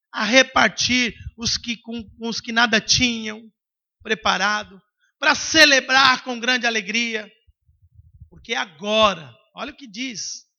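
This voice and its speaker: A male pastor delivering a sermon with a very high, sharp, bright voice. He preaches emphatically and sometimes bursts into shouting. The recording sounds dull and lo-fi.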